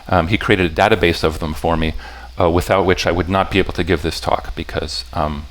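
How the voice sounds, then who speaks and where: Low-voiced man giving a halting puzzle talk. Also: steady tone. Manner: halting and self-correcting, stops to restart sentences; talks directly to the audience with checking questions. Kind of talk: explanatory presentation to a live audience.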